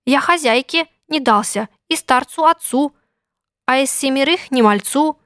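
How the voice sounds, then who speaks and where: A woman's voice: sits high, a little slow, a bit bright, no room sound, clean studio sound, pitched above the performer's own voice. A woman voicing a boastful runaway pancake that brags in a sing-song way about escaping everyone.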